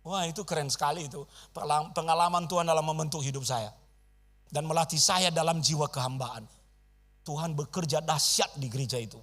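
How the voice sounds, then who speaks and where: Animated preacher, high voice. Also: male voice, brisk. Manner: animated, acts out dialogue with big swings in loudness. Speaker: pastor. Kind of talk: storytelling sermon.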